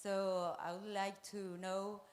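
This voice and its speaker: A woman journalist from Chile poses her question at a slow, deliberate pace. She speaks in an even, mid-range voice, choosing her words carefully. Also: mid-range voice. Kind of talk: asking a press question.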